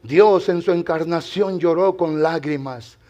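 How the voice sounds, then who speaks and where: A man pastor preaching a sermon, dropping to hushed tones and then rising to loud, exclaiming passages while addressing the congregation directly. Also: a little high, a little slow, muffled recording.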